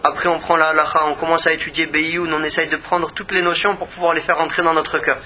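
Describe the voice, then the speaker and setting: A man's voice: on the high side, level tone, fast, pushed and bright. Earnest man teaching a Torah lesson. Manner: earnest, repeats words when searching. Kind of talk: religious lesson.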